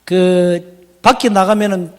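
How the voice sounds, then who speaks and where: Middle-aged man, high voice, folksy teasing preacher, reverberant hall. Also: steady tone, slow, darkish tone. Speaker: pastor. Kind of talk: sermon. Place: church hall.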